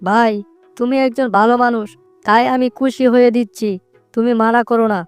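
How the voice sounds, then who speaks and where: A woman voicing a gentle, pleading and generous magical talking tree in a soothing cartoon style. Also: fairly high pitch, fairly even intonation, normal speed, clear, resonant tone, no echo, faint music behind, natural voice. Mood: kindly. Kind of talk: cartoon voice acting.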